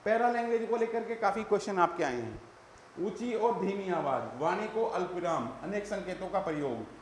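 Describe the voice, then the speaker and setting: A man's voice: sits high, animated, moderate pace, reverberant, a little hiss or hum. A male teacher giving an exam-prep lecture, calling his students "beta" and repeating the key terms.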